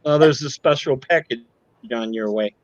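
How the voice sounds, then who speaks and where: A man's voice: mid-range voice, moderate pace, no room sound, muffled recording. A man from the United States chatting and teasing on a group video call, in a rambling way. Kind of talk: casual chat on a video call.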